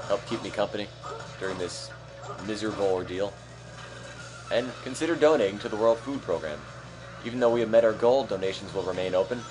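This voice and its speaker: A man's voice: on the low side, low-quality recording. A man hosting a charity game stream, giving dry, sarcastic commentary while playing, over game music. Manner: dry, sarcastic, self-deprecating. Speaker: stream host and game player. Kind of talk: let's play commentary.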